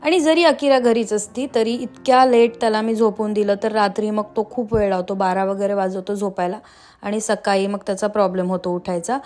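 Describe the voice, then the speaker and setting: A woman in her thirties, a homemaker vlogging casually at home, chatty with frequent pauses and fillers. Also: mid-range voice, steady tone, darkish tone. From Maharashtra, India. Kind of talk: casual vlog chat and voice-over.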